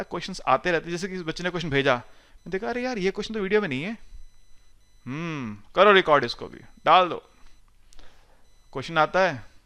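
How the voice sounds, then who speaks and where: A man's voice: fairly high pitch, bright, forceful tone, smooth. A middle-aged man from India giving a recorded math lecture in a chatty, reassuring way, mixing in English phrases. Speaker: math teacher.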